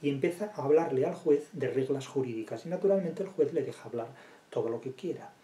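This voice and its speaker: A man delivers an academic lecture on literature in a mellow, relaxed voice, stopping to read passages aloud before drifting into long digressions. He asks rhetorical questions and restarts his sentences as he thinks aloud. His voice echoes in the room around him. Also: mid-range voice, fairly quick.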